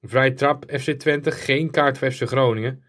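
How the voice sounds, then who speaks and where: Young Dutch gamer calling football play-by-play. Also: male voice, mid-range voice, moderate pace. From Netherlands. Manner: rambling play-by-play, rising excitedly at goals. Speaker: gaming YouTuber. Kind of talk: live game commentary.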